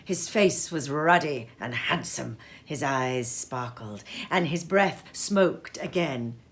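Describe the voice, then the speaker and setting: This woman's voice is extremely low in pitch. Sitting in her living room at home, she reads a classic story aloud, slow and expressive, with occasional drops into a whisper.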